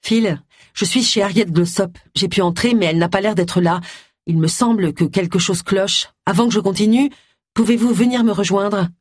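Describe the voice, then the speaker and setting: A woman's voice: medium pitch, normal speed, a little mellow, no echo, clean studio sound, close to an everyday voice. A reader voicing a stubborn middle-aged woman sleuth. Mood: urgent. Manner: determined, reasoning aloud. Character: stubborn amateur woman sleuth, sharp-minded.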